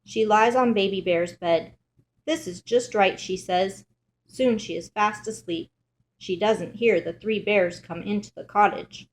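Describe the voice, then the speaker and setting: A woman's voice: medium pitch, measured pace. Woman reading a picture book aloud. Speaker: storybook reader.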